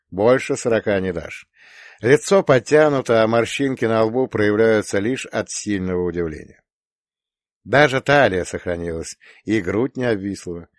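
A man reading a first-person story in an expressive, scripted narration style. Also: lowish voice, no room sound, clean studio sound. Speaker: audiobook narrator.

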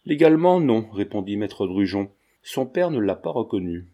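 A man voicing a polite, formal middle-aged notary who speaks in a measured, precise way. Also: on the low side, very animated, mellow, dull audio.

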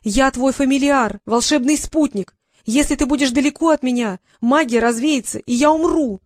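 A woman's voice: sits high, normal speed, a little mellow, no echo, clean studio sound, pitched above the performer's own voice. A woman voicing a bossy, worried female magical familiar who scolds her young master. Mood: scolding. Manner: scolding, insistent.

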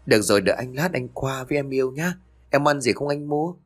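A man's voice: medium pitch, fast talker, voice pushed up, natural voice. A man voicing a callous, greedy lover who talks glibly and cockily in a spoken ghost story. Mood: cocky. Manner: glib, cocky.

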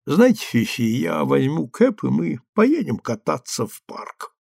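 A man reading the part of an older, calm, courtly colonel who speaks softly. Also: on the high side, measured pace, vocal fry, dry recording, studio quality, exaggerated voice. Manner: soft, hushed, gallant.

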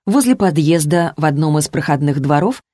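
A man narrating an audiobook in a steady, even storytelling manner. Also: on the high side, normal speed, dry recording, clean studio sound. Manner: steady, even storytelling with lightly voiced dialogue. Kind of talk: scripted narration.

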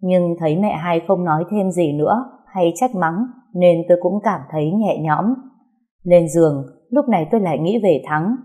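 A woman tells a first-person story in a steady, plain reading voice. Her voice sits somewhat low, with a dark, mellow tone. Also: normal speed. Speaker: story narrator.

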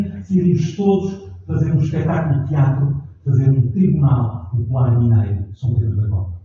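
A man in his forties with a European Portuguese accent, an actor giving a measured, declamatory stage address to an audience. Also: medium pitch, mellow. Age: 40s. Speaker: actor and narrator. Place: theatre stage. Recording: echoey theatre hall from far off, dull, noisy.

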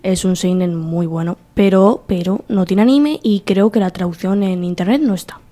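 Dry-spoken woman, mellow tone. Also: medium pitch, normal speed. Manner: dry, brief remarks. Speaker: radio guest. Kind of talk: casual radio chat. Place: radio studio.

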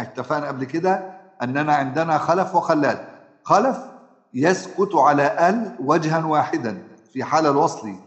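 A man with an Egyptian Arabic accent teaching Quran recitation rules, often asking his class a question and then answering it himself, and drawing out the words he gives as examples. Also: on the high side. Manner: drawn-out chanted examples. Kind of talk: tajweed lesson explaining recitation rules. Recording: roomy echo.

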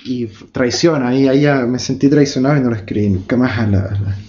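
A Chilean man talking casually in an interview, halting and earnest, with frequent restarts. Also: medium pitch, a little mellow, highs cut off.

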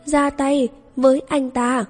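A woman's voice: high voice, little pitch movement, slow, darkish tone. Woman reading as a wary, exasperated young woman. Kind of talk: audiobook character reading. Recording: long reverb, faint music.

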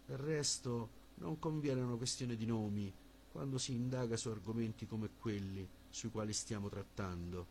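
A man reading the lines of Socrates, an older male philosopher who questions patiently, in a measured and deliberate way. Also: lowish voice, darkish tone, slight background noise, lightly acted. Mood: reasoning.

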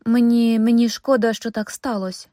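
A clumsy male robber snaps and fumbles in exasperation, as a woman reader acts him out. The voice stays fairly high for a man and is dry and close. It has the feel of a storybook read aloud. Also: steady tone, moderate pace, warm tone, no echo, lightly acted. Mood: exasperated. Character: flustered, clumsy young male bank robber.

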